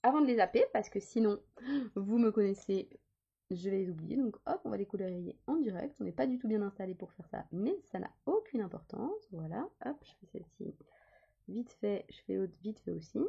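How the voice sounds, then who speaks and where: A woman's voice: mid-range voice, animated, a little fast, gravelly, mellow, slightly rough. A woman in her thirties chatting casually as a coloring vlogger, rambling with many fillers and restarts. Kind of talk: casual chat. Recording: dull lo-fi sound.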